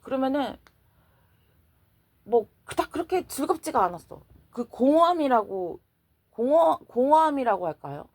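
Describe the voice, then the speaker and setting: A woman's voice: high voice, big pitch swings, normal speed, long pauses, a little mellow, dry recording. A woman, a church deaconess, chatting through her personal faith testimony, laughing often and acting out her own prayers.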